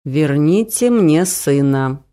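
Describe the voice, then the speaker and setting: A quiet, bewildered husband in a storybook, voiced by a woman reader, speaking low and subdued. His lines sink beneath her own voice, soft and wry, with a lively rise and fall. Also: unhurried. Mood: stunned.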